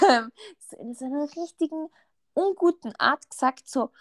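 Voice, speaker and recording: A woman's voice: sits high, lively intonation, moderate pace, dry recording, studio quality. A young woman with an Austrian accent chatting casually as a podcast co-host, telling stories with many fillers and a note of indignation. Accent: Austrian German. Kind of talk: casual chat.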